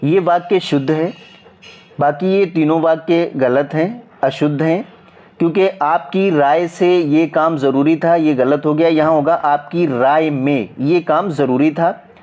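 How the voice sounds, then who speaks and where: A man with a Hindi accent explaining exam practice questions as a coaching teacher, slowly and repetitively, checking in with viewers often. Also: a little high, steady tone, a little mellow, highs cut off.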